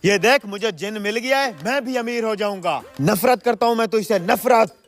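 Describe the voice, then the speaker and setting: Dude doing a poor young laborer guy, high voice, cartoon, faint music. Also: moderate pace. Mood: defiant. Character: poor young male kiln laborer, timid then defiant. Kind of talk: cartoon voice acting.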